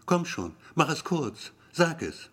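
An anxious man in his thirties speaks tensely and defensively, read in the narrator's own plain voice. His lines rise and fall in lively swings. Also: on the high side, slow pace, breathy edge, pitched above the performer's own voice, full character voice. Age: 30s. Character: anxious 32-year-old man waiting at doctor's.

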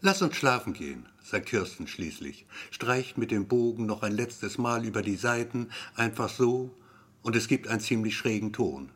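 A man's voice: on the low side, moderate pace, fairly bright tone, slightly rough. A man reading a story aloud in a wry, repetitive storytelling manner. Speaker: narrator.

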